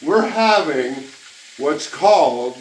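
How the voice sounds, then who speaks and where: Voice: medium pitch, lively intonation, slow. Giggly, tipsy cooking host in echoey kitchen. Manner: giggly, tipsy rambling with frequent laughter; profane, exclamatory. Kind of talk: casual cooking demonstration to camera. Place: roomy kitchen. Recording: echoey, distant mic, loud sizzle noise. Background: frying sizzle and stirring.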